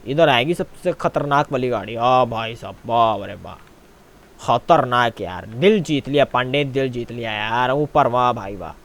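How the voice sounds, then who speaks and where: A man streaming a role-play game, chatting casually over a headset, excitable and slangy with playful swearing. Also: medium pitch, unhurried. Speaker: gaming streamer. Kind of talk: casual role-play banter while gaming.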